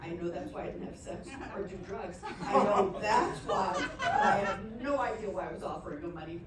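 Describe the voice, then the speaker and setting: A woman's voice: mid-range voice, very animated, brisk, over a noisy crowd. A woman answering festival Q&A questions with playful, self-deprecating humor, recorded from far off in an echoey hall. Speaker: actress guest. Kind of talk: panel Q&A answers.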